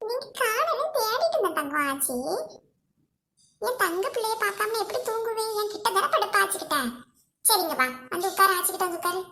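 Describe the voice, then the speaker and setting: Woman voicing a nagging cartoon grandmother over 60, very high piercing voice, bright sharp tone, needling and scolding. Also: animated, a little fast, a little hiss or hum, heavily acted. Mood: doting. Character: nagging old grandmother, sharp-tongued mother-in-law.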